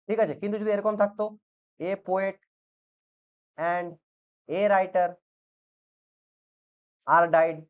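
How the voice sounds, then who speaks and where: A man's voice: sits high, clean tone, highs cut off. A man teaching grammar in an online lesson, patiently repeating each point and checking that the students follow. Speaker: exam-prep English teacher.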